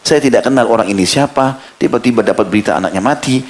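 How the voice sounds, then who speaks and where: A man's voice: medium pitch, fast, natural voice. A man voicing a bewildered man who brings bad news and calls out for help, in a sermon story. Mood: urgent, puzzled.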